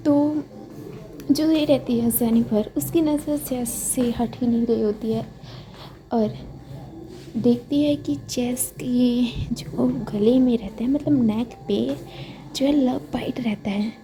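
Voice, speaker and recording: A woman telling a story in a casual, chatty way, with a rather high voice. She often stops to correct herself mid-sentence and keeps the narration loose and conversational. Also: slow pace, dark tone, a little hiss or hum. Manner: chatty, frequent self-corrections.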